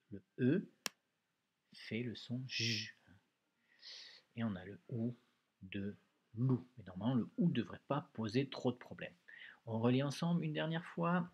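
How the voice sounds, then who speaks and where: Slow, patient male teacher. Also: medium pitch, breathy edge, dull audio. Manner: slow and patient, syllable by syllable, frequent "hein". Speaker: primary school teacher. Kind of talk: recorded remote dictation lesson.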